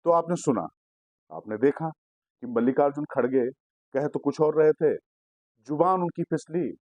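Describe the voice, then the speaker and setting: A man's voice: fairly high pitch, moderate pace, a little mellow, no echo. A man hosting a digital political news show, giving assertive commentary and explaining a clip to viewers.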